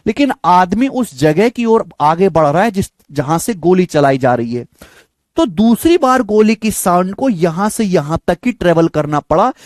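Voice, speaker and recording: A high-voiced man teaches a maths word problem, his pitch swinging widely as he stresses each step. He repeats phrases over and over, imitates gunshot sounds and calls his students "beta" and "dear friends". The recording is close and dry. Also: darkish tone, dry recording.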